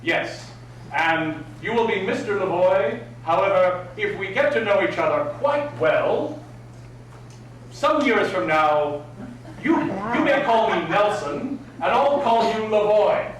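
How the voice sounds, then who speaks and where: A man's voice: high-pitched, lively intonation, slow pace, a crowd in the background. A man teaching an etiquette class live, speaking with prim, precise enunciation and formal, old-fashioned politeness. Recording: very echoey room, distant mic, faint noise.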